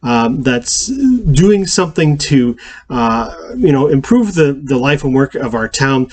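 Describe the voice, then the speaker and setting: A male pastor giving weekly church announcements, speaking haltingly with many fillers and restarts. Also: medium pitch, very animated, darkish tone.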